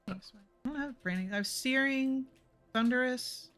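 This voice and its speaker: A woman playing a tabletop game, animated, laughing and swearing often. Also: high-pitched, moderate pace. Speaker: player.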